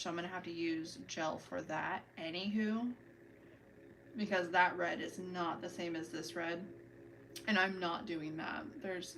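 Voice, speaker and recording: Working on a manicure at home, a woman chats away to her livestream viewers and talks through every step. Her voice is on the low side with vocal fry, and it sits a little off the mic, recorded from a distance. A faint hum of room noise lingers behind her.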